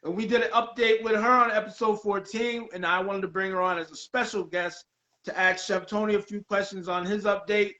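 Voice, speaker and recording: A middle-aged man with a very high, bright voice hosts a casual chat over a video call. He gets excitable, exclaims and repeats himself as he talks. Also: a little fast, lo-fi sound. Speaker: podcast host.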